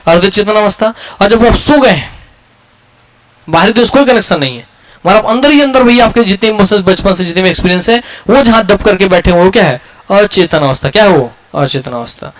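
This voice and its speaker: A male teacher with a Chhattisgarh accent lecturing a class, asking questions and repeating the key answers. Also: high voice.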